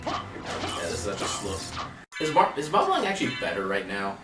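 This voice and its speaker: A man's voice: on the low side, wildly swooping pitch, normal speed. A man streaming a video game, commenting in a wry, chatty, self-deprecating way. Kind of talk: casual gaming commentary. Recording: roomy, distant mic with game music.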